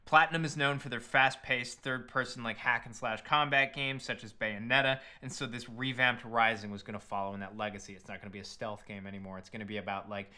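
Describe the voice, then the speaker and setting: Bright-voiced man hosting a podcast. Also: medium pitch, steady tone, a little fast, hardly any pauses. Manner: profane, irreverent, emphatic. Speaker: podcast host. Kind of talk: podcast storytelling, part scripted, part casual.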